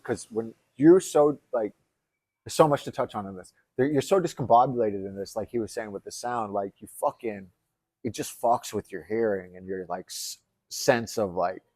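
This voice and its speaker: A man's voice: on the low side, darkish tone. A man co-hosting a podcast in casual chat, laid-back, with lots of "like" and swearing. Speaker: podcast co-host. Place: resort retreat room.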